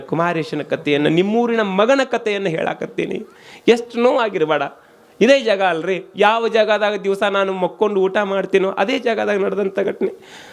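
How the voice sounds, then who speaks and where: A man preaching a storytelling sermon, acting out the story's characters and putting rhetorical questions to his listeners. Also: high voice. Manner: acts out the voices of the story's characters.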